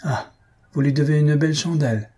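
A self-important, scheming middle-aged mother from a storybook , played by a man. The voice rises a little and stays husky and dark, pleased with her own plans. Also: a little high, brisk, pitched above the performer's own voice. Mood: self-satisfied.

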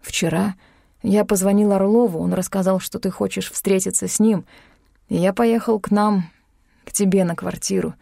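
Woman narrator voicing a nervous, pleading middle-aged man, mellow and rough. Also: mid-range voice, steady tone, dry recording, studio quality. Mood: shaken. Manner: shaken, halting, pleading.

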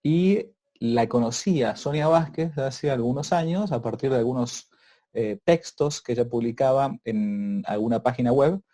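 A warm-toned man of medium pitch speaks at a moderate pace as a priest hosting an informal interview. He comes across as hesitant, often repeating words, using fillers and starting over.

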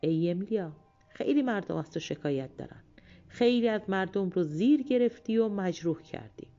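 A woman's voice: medium pitch, expressive, warm tone, dull audio, faint music behind, natural voice. A woman voicing a stern, threatening king who speaks with command and indignation in a storybook.

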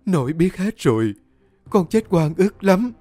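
A man's voice: high-pitched, very animated, a little slow, dry recording, soft background music, voice pushed up, heavily acted. A man doing a tearful old grandmother. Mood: pleading. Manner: tearful, gentle pleading. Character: grieving old grandmother pleading with a ghost.

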